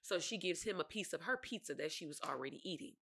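A woman's voice: lowish voice, quick pace. A woman co-hosting a casual podcast, telling blunt, slangy stories with frequent laughter. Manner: animated storyteller, laughs often, slangy and blunt. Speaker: podcast co-host. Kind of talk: casual chat.

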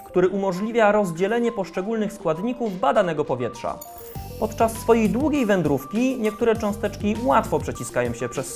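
A man in his thirties presenting a science video, explaining things in clear scripted narration. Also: high voice. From Poland. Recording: music bed under the voice.

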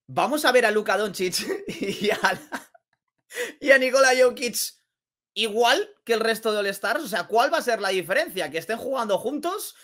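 A man with a Spain Spanish accent giving casual basketball commentary, energetic and exclamatory, repeating phrases for emphasis. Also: sits high, normal speed. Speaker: basketball vlogger.

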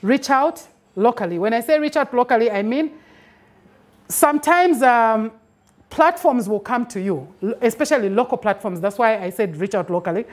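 A woman's voice: a little high, animated, normal speed. A Zambian woman in her forties giving a film industry master class. She speaks emphatically and keeps checking in with her listeners. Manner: emphatic, checks in with a frequent "okay?". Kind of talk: instructive talk to an audience. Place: bright indoor studio with banner backdrop.

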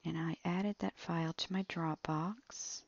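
Slow-talking woman with a low voice. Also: fairly even intonation, dry recording, lo-fi sound. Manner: slow, step-by-step explaining. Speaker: app tutorial presenter. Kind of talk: screen-recorded app tutorial.

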